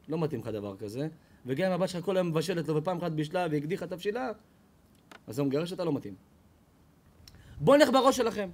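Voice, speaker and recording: A rabbi teaching a Torah class gives a spirited, animated sermon in a high voice, telling stories with a preacher's flair. He swings between loud outbursts and quiet asides, acting out the people he quotes with loud, high shouts.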